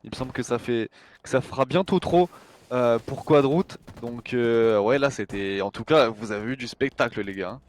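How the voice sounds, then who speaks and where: This esports caster commentates a match live in an informal, conversational way, often repeating phrases. His voice is medium-pitched at a normal speed, and faint gunfire and game noise can be heard behind him.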